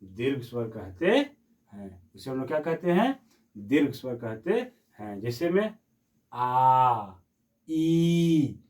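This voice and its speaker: A man's voice: medium pitch, darkish tone, distant mic. A man teaching a Hindi grammar lesson who repeats each question and answers it himself, stretching vowels to demonstrate.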